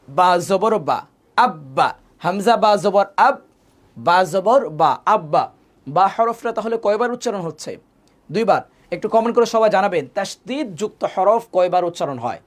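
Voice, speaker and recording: A man teaching a live online Quran class, patiently repeating each rule and asking his students questions that he answers himself. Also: sits high. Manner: slows to spell out letters and vowel marks.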